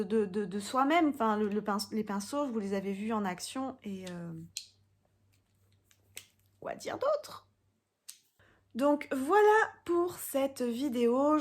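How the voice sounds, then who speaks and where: A young woman from France talks straight to camera, reviewing makeup in a relaxed vlog. She is chatty and a little hesitant, filling her thoughts with pauses and fillers as she weighs each product. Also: medium pitch. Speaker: beauty vlogger.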